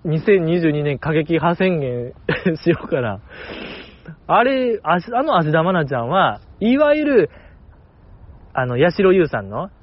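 A man with a Kansai accent hosts his own podcast, gushing in a chatty, self-mocking way. His voice sits a little high and jumps up and down a lot as he talks. The sound is slightly dull and lo-fi. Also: very animated, a little slow, pauses often. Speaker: podcast host. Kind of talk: solo fan podcast chat.

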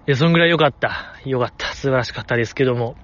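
Chatting casually by himself outside in cold weather, a Kansai Japanese speaker reviews voice performances, jokingly acting out each quoted line. He talks rapid-fire at medium pitch with a fairly bright tone, and the recording's highs are cut off.

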